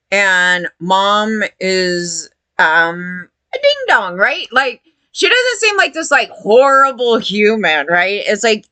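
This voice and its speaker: A woman's voice: medium pitch, bright, forceful tone, dry recording. A woman hosting a casual commentary vlog, sarcastic and blunt, swearing and laughing often. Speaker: commentary host.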